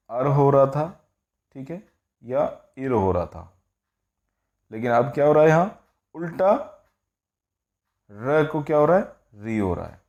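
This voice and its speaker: A man gives a classroom-style Sanskrit grammar lesson, explaining rules step by step, repeating "ठीक है" and often putting rhetorical questions to the class. His voice is medium-pitched and darkish, with the highs cut off.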